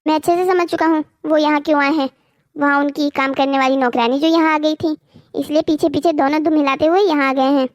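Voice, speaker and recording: A voice actor playing an indignant, argumentative young man in a cartoon story, protective of his sister and quick to anger. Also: very high voice, steady tone. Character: hot-headed protective young brother.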